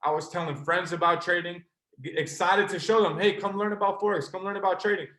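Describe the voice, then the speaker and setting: A young adult man, a trading mentor, gives an earnest, passionate motivational sales pitch to a live online call, speaking straight to his listeners. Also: steady tone, fast talker, sharp tone. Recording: roomy echo.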